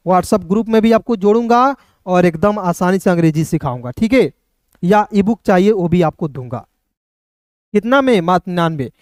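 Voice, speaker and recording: A man's voice: high voice, a little mellow, clear, resonant tone, no echo, studio quality. A man teaching English pronunciation online, asking questions and answering them himself and calling viewers brother and friends. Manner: repetitive, asks and answers his own questions, addresses viewers as brother and friends. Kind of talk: online spoken-English lesson.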